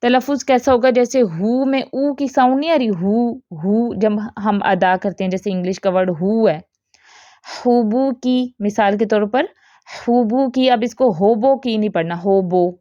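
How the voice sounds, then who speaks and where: Woman tajweed teacher, patient question-and-answer delivery, slightly high voice, dry muffled recording. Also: hardly any pauses, warm tone, dry recording. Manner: patient, explains with questions and repeated examples. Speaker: Quran recitation teacher. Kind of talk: tajweed lesson.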